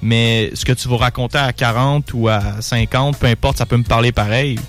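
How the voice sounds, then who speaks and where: A man's voice: medium pitch, steady tone, moderate pace, faint music behind. A man, co-hosting and thoughtfully summing up the guest's points. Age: 20s. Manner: thoughtful, sums things up. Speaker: co-host. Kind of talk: casual interview chat.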